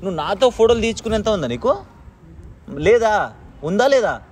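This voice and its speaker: A man's voice: high voice, big pitch swings, normal speed, slight background noise. A man playfully scolding and teasing a small child, firing the same questions at her again and again in a mock-stern way, then coaxing her to stop crying. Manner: coaxing, repeating soothing phrases. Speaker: vlogger playing with a small child. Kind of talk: casual teasing talk with a child.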